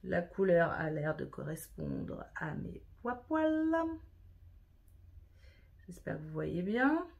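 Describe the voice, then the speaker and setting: A woman's voice: lowish voice, sing-song, slow, vocal fry, long pauses, darkish tone, highs cut off. A woman chatting through a makeup tutorial in a casual, self-deprecating way, sprinkling in English words. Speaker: beauty vlogger.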